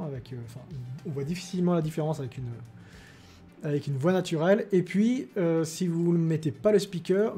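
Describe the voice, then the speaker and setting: A man's voice: a little high, dark tone. A man hosting a tech video, casually explaining and demonstrating with many filler words.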